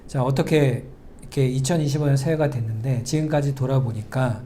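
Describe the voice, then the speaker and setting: A middle-aged male pastor giving a sermon in a church, talking conversationally, asking the congregation questions and slowing to a near whisper for emphasis. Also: mid-range voice, fairly even intonation, mellow, a little hiss or hum. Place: church sanctuary.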